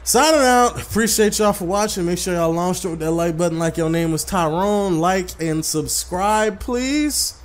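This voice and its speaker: Hosting a gaming video, a man with a high-sitting voice reads story text aloud at a measured pace with few pauses. His delivery is informal and slangy, with casual commentary, and he repeats phrases when he misreads.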